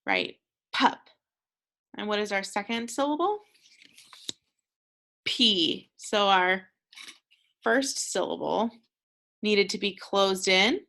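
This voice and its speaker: An American woman teaches a phonics lesson to second graders, speaking slowly and with a bright, crisp tone. She is patient and encouraging, leaving pauses for the children to answer. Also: mid-range voice.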